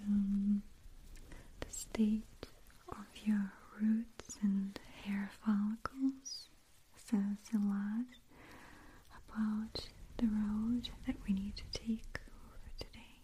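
A woman whispering gently in an ASMR roleplay as a hair stylist, asking soft questions. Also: mid-range voice, little pitch movement, drawn-out words, a little hiss or hum, poor audio.

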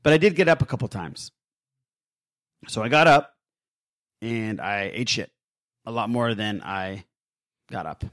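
A man's voice: lowish voice, expressive, a little slow, long pauses, fairly bright tone, dry recording. Jokey male podcast host, dry close sound. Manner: jokey, informal, repeats phrases for emphasis. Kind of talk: casual chat.

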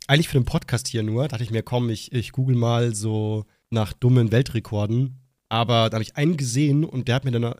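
Lively young man on a podcast. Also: medium pitch, no echo, studio quality. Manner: animated storyteller, acts out quotes with big laughs. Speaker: podcast co-host. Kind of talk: casual podcast chat.

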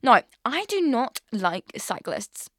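Young woman rambling on her podcast, lots of likes and swearing, kinda high voice, dry studio mic. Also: sing-song, takes it slowly, a bit bright, dry recording. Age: 20s. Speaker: podcast host. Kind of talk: casual solo podcast chat.

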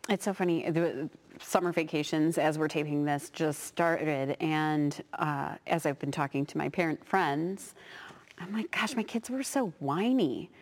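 A woman in her thirties hosting a parenting podcast in casual chat, animated and quick to act out her own frustrated parenting moments. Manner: animated, acts out her own yelling at her kids in high bursts. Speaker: podcast host.

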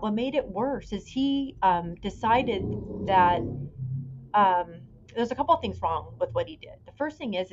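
Earnest woman in her fifties, muffled audio. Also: mid-range voice. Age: 50s. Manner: earnest, emotional, searching for words. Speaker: podcast guest. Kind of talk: personal storytelling.

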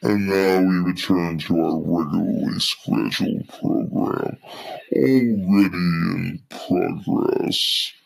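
A man, as host of a prank comedy bit, talking through an effect that pitches his voice down into a disguised deep voice. He plays a mysterious male taunter, smug and mock-ominous. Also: slow pace, gravelly, heavily acted. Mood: mock announcer. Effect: voice electronically pitched down into a disguised deep voice.

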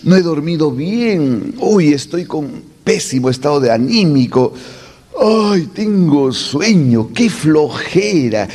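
A man's voice: fairly high pitch, lively intonation, a little mellow, slightly rough, long reverb tail, full character voice. A man voicing a tired person who moans and sighs about bad sleep after getting up. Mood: weary moaning. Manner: moaning, drawn-out sighs. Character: sluggish tired person moaning on waking.

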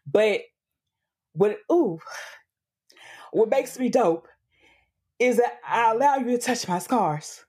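A woman's voice: on the high side, lively intonation, slow, long pauses, a little mellow, slightly rough. A woman guest speaking earnestly, building to a preacherly cadence as she talks about faith. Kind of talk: candid faith-based interview talk.

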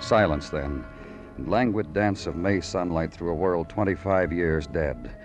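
In an old radio recording with music, a male actor voices a world-weary, poetic police detective in a 1940s-50s noir crime drama. His deep voice moves a little slowly, delivering clipped, lyrical narration in a brooding mood.

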